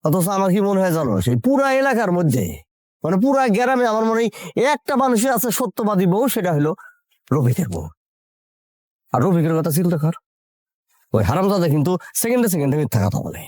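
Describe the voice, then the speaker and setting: A sympathetic village uncle. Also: male voice, high-pitched, sing-song, a little fast, pauses often, a little mellow, no echo, clean studio sound. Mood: musing. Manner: musing and sympathetic.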